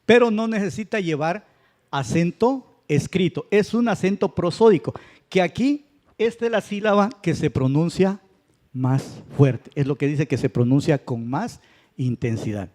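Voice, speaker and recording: Male teacher, slightly high-pitched, unhurried classroom lecture, keeps checking that students follow. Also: a little mellow. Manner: patient, checks understanding with tag questions. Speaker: Spanish grammar teacher. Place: church classroom.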